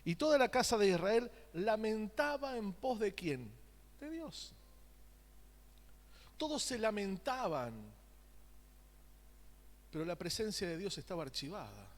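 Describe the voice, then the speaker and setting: A man's voice: high voice, big pitch swings, measured pace, long pauses, in a large hall. A man preaching a sermon, asking the congregation questions and making joking asides. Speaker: pastor. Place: church sanctuary.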